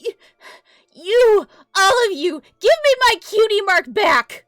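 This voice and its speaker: A woman doing a shrill, tearful, angry young pony mare. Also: lively intonation, slow pace, a bit bright, dry recording, clean studio sound, soft background music, heavily acted. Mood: angry accusing. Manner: shrill, accusing, near tears.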